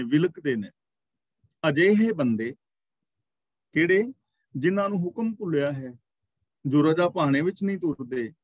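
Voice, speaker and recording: A man teaching a scripture class, explaining verses word by word and slowly intoning the quoted lines. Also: a little high, a little mellow, no room sound, highs cut off. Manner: explains verse word by word, slow chanted quotations. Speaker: katha teacher. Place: gurdwara class, online. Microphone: video call.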